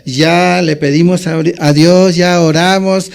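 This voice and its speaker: A male preacher, his voice sitting fairly high for a man. He talks to his congregation conversationally, tagging nearly every phrase with a quick question and stopping to restart his thoughts. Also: steady tone, gravelly. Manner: conversational preaching, constant tag questions, frequent fillers and restarts. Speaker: pastor. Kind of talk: sermon.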